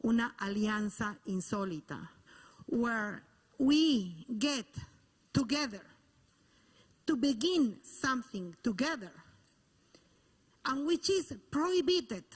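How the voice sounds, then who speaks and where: A woman's voice: on the high side, animated, slow, long pauses, breathy edge. Spanish-accented woman, emphatic panelist. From Bolivia. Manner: searching for English words, emphatic repetition. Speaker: panel guest, activist. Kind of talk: public panel discussion.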